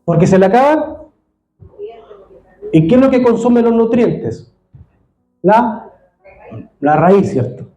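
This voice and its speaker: Earnest high-voiced pastor preaching. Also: male voice, expressive, slow pace, long pauses, dark tone, highs cut off, soft background music. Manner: earnest, rising to fervent appeals. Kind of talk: sermon. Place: church hall. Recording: echoey church hall.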